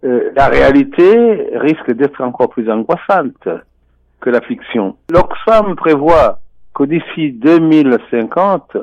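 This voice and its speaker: A man's voice: medium pitch, animated, darkish tone, no room sound. Man speaking over a phone line. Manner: measured and deliberate, with frequent hesitations. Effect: voice heard over a telephone line. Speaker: finance and economics columnist. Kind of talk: radio phone-in commentary. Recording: muffled phone line, dry.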